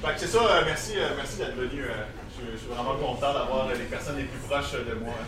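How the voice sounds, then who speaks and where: A man's voice: medium pitch, quick pace, a crowd in the background, lightly acted. A man improvising on stage as a nervous man announcing that he is now dead, stammering and hesitant. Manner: hesitant, stammering, then stubborn shouting. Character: nervous young man declaring himself dead. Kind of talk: live improv theatre. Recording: echoey hall from far off, audience.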